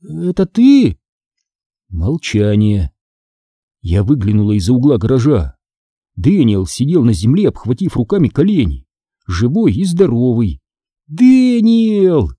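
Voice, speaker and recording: Dark, husky male storybook narrator. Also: medium pitch, sing-song, normal speed, dry recording. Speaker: audiobook narrator.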